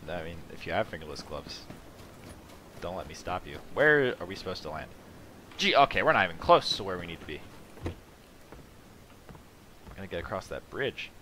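A man's voice: sits low, very animated, normal speed, long pauses, bright, forceful tone, a little hiss or hum. A man hosting a casual let's play, thinking aloud with rambling, self-mocking asides. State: sleepy, yawning at the start. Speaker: gaming channel host.

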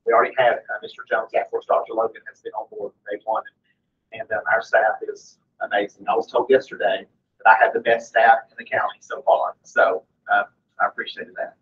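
A man's voice: fairly low pitch, little pitch movement, brisk, dull audio. A man, the school principal, giving an upbeat and informal staff update at a board meeting. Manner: upbeat, informal, many fillers. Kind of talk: status report at a meeting. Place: conference room.

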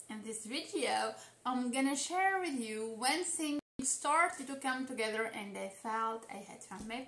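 High-voiced woman teacher, earnest and upbeat. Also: a bit bright, roomy sound. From Tunisia. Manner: earnest, motivational, emphatic. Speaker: English teacher. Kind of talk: scripted self-introduction to camera. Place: indoor room, seated in office chair.

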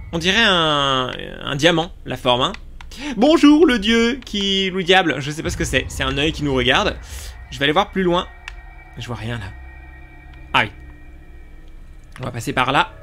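A man giving excitable let's play commentary, talking to his viewers as he plays, with sudden yelps. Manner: excitable, talks to viewers while playing; sudden yelps and jumps in pitch. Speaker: gaming YouTuber.

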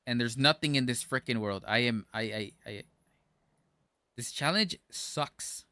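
Male game streamer, bright sharp voice, dry close sound, jumpy and excitable, given to stammering outbursts. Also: medium pitch, fairly quick, no echo. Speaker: gaming streamer. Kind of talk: casual gameplay commentary to chat.

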